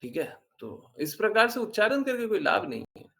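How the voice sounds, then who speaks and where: Male spiritual teacher, higher voice, animated, scolding, rhetorical. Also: normal speed, vocal fry. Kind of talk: informal devotional talk.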